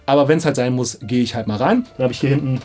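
In a small indoor studio control room with background music, a man in his thirties speaks fast in a mid-range, dark voice. Acting as an audiobook director, he explains things casually to camera, enthusiastic and slangy.

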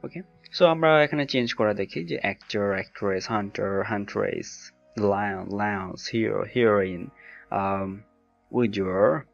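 Gravelly low-voiced male teacher. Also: normal speed. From Bangladesh. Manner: reads word lists aloud, many fillers. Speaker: English teacher. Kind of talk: online lesson in Bengali mixed with English. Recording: dull lo-fi recording with faint music.

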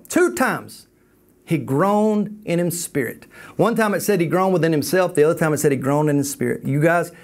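A man teaching a Bible college class, reading scripture aloud and commenting on it with emphasis. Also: on the high side.

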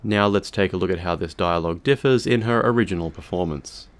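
A man with a deep voice narrates an explanatory video. His delivery is scripted, measured and formal. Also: slight background noise.

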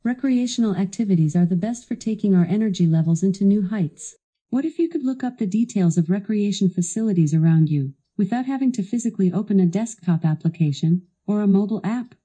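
Polished and instructional, this woman's voice assistant narrates a scripted product demo with crisp enunciation. She sounds mellow and expressive at a medium pitch, speaking fairly quickly.

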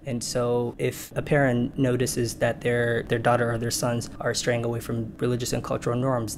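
A young man, born in Kenya and raised in Minnesota, gives an earnest, measured documentary interview about his own life. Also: mid-range voice, noisy background. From born in Kenya, raised in Minnesota, United States. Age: young adult. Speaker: interviewee telling his personal story. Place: indoor room with a lamp, seated. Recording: clear music bed underneath.

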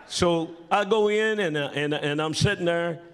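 A man preaching a sermon and telling a story. He builds from calm storytelling to shouted praise. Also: a little high, normal speed, smooth. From Tennessee, United States. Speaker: pastor. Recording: long reverb of a church hall.

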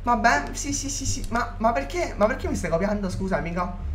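A man chatting over an online game, excitable and switching between soft talk and shouting. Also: high voice, a little fast, slight background noise. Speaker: gamer and video host.

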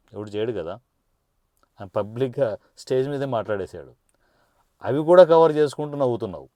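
A man from Andhra Pradesh rants with scorn straight at his target, taunting and threatening him as he goes. His voice sits low and mellow, and it was recorded close and dry, with no room sound. He sounds like a heated party supporter laying out warnings. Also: no echo. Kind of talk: angry direct-address rant.

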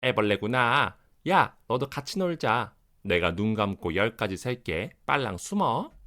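A man's voice: fairly low pitch, very animated, a little slow, pushed and bright, exaggerated voice. A man voicing a playful young rabbit in a storybook, with carefully enunciated speech. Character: playful young rabbit playmate, easily fed up.

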